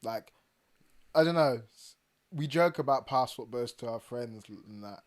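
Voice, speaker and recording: A young man co-hosting a casual podcast chat, laughing often and trailing off quietly when he turns serious. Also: medium pitch, unhurried. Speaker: podcast co-host.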